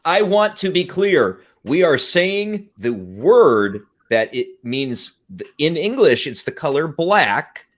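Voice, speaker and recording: A man's voice: a little high, very animated, takes it slowly, hardly any pauses. A man co-hosting a casual online chat, laughing often and trying to steer the talk.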